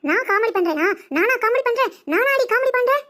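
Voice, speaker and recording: Cartoon mother-in-law, older, shrill and scolding, played by a woman, very high voice. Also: a little fast. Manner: scolding, nagging, loud. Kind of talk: cartoon comedy voice acting.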